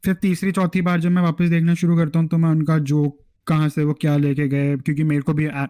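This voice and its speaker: A young man with an Indian accent talks through his views on a podcast in an earnest, explanatory way. His voice sits a little high for a man. The recording is dry and close. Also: monotone, fairly quick, dark tone, clear, resonant tone, dry recording. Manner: earnest, explains at length, mixes Hindi and English. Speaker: podcast host. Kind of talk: casual chat.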